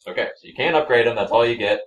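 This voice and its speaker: A man's voice: medium pitch, rapid-fire, fairly bright tone. A man narrating and explaining rules as game master of a tabletop game. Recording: distant mic.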